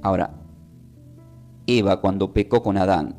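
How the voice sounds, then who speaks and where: A man's voice: low-pitched, fairly even intonation, a little slow, dark tone, soft background music. A man from Tucumán with an Argentine accent, teaching a Bible class and having his listeners repeat his phrases. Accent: Argentine Spanish. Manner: prompts listeners to repeat after him, emphatic rises. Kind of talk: Bible class preaching with call and response.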